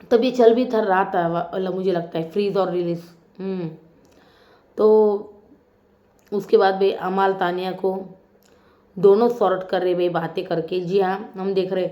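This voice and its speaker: A woman's voice: lowish voice, dark tone, reverberant. A woman chatting casually as she reviews a reality show episode, teasing and mimicking the contestants.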